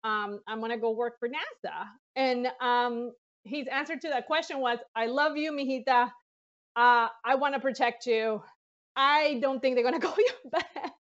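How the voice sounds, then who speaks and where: As an animated interview guest, this high-voiced NASA mission lead speaks at a normal speed, and the highs in the audio are cut off. Born in Colombia with Spanish as her first language, she tells her stories enthusiastically and laughs along the way.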